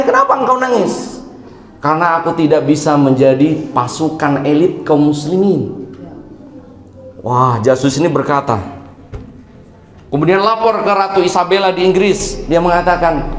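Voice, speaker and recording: A man preaches in a high, animated voice with a Sundanese accent, acting out the characters in his story. He keeps turning to speak straight to the congregation. The sound rings with a roomy echo from the hall. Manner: animated, swings pitch for quoted characters, addresses audience as Pak and jemaah. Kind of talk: lively sermon with storytelling.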